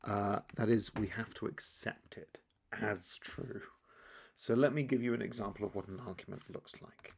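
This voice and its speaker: Gravelly low-voiced man teaching. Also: normal speed, slight background noise. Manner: relaxed, thinking aloud, frequent restarts. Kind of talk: explainer lesson while drawing.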